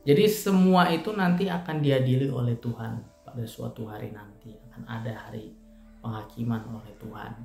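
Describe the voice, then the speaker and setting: A man's voice: medium pitch, moderate pace, gravelly, a little mellow. Man giving a chatty devotional in an echoey room. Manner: conversational, explaining with everyday examples and fillers. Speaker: church speaker giving a devotional. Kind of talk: casual evening devotional talk. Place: church room. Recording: echoey room with faint music.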